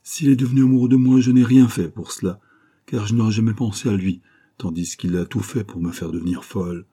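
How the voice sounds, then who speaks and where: A man's voice: low voice, fairly quick, mellow, slightly rough. A man voicing a spirited, indignant young Venetian woman who speaks in a fiery, defiant way.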